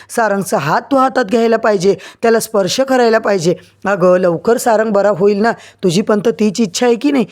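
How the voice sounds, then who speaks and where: Bossy, excitable young woman, read by a woman narrator. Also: mid-range voice, lightly acted.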